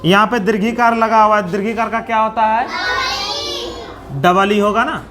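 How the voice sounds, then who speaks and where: A man's voice: sits high, steady tone, moderate pace, noisy background. A man with a Bihari accent teaching young children, patiently spelling out letters and sounds one by one. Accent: Bihari Hindi. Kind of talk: slow classroom explanation for young children.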